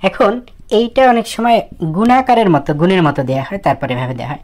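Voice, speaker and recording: Woman, very low voice, casual teacher, slow step-by-step explanations, soft trailing delivery. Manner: explains slowly, repeating each step of writing the letters. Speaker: Japanese language teacher. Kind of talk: casual spoken lesson.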